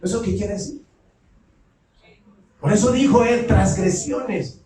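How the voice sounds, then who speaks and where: A male pastor preaching a language sermon, impassioned and shouting at the peaks. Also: high voice, measured pace, crowd noise. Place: church hall. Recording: very echoey room, distant mic.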